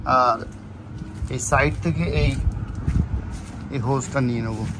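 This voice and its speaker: A man talking casually outdoors behind a house, halting now and then with fillers. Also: medium pitch, noisy background. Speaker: vlogger's husband. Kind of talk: casual home vlog.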